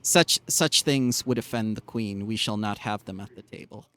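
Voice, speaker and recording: A man narrating as game master in a tabletop game, animated and full of hesitant fillers. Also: lowish voice, moderate pace.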